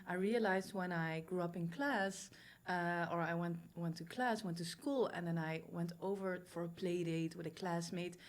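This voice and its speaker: A woman from the Netherlands speaks English with a Dutch accent, pitched a little low. She tells a hard personal story directly and frankly, with plenty of fillers and restarts. She is a guest on an interview podcast. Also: normal speed. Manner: direct, laughs easily, many fillers and restarts.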